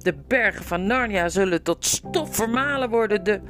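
A woman's voice: expressive, moderate pace, fairly bright tone, faint music behind, lightly acted. A woman reading aloud and voicing an arrogant young prince who rants and shrieks boastful curses. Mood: raging. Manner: shrill, ranting, boastful.

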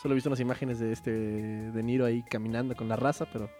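Male podcast co-host, Mexican accent, average pitch, casual film talk, opinionated, very slangy, sweary. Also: fairly even intonation, fast, mellow, soft background music. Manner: opinionated, heavily slangy, profane. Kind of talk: casual chat about films.

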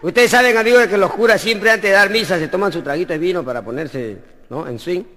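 A man telling jokes as a stand-up comedian, animated and chuckling. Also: high voice, fast, in a large hall, crowd noise. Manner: animated, jumps into voices, chuckles. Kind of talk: joke telling to an audience.

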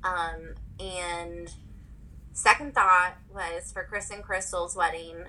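Bright-voiced young woman, candid chat. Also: fairly low pitch, steady tone, slow, a little hiss or hum, low-quality recording. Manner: candid, laughs often, swears casually. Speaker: podcast co-host. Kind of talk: casual chat.

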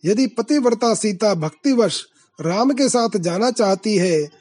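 Slow, high-voiced man chanting scripture. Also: expressive, darkish tone. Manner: measured, chanting the verses. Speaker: scripture reader. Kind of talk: reciting verses and reading a translation.

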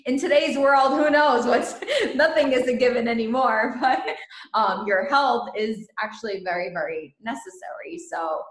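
A woman's voice: fairly high pitch, moderate pace. A woman host born in Ukraine, chatting casually in an interview and laughing often. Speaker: podcast host. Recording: echoey room.

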